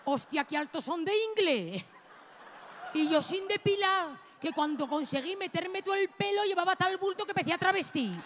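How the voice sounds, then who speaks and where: A woman, doing an animated, bawdy stand-up monologue full of crude slang on a gala stage. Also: very high voice, moderate pace, long reverb tail, noisy background. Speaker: stand-up comedian. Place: gala stage before a live audience.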